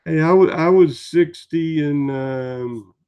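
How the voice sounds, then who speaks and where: A man's voice: a little high, takes it slowly, smooth. A man in his sixties tells a rambling everyday story for his vlog, in no hurry at all. His voice sounds tired, and he drifts along with plenty of fillers. The recording is a little dull and lo-fi. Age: 60s. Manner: meandering, chatty storytelling with many fillers. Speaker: vlogger. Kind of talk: casual rambling vlog monologue.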